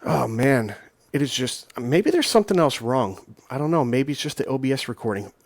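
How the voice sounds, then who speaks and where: A man's voice: medium pitch, animated, normal speed, dry recording. A man casually commenting on his truck-driving gameplay, rambling with frequent ums and restarts as he plays. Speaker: gaming channel host.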